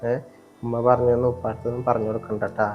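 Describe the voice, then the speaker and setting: A man's voice: medium pitch, lo-fi sound, faint music behind, natural voice. A young man playing a hurt, patient stepson. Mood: gentle. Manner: hurt, pleading, quick and flat. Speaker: elder stepson in a family skit. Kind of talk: amateur family short film acting.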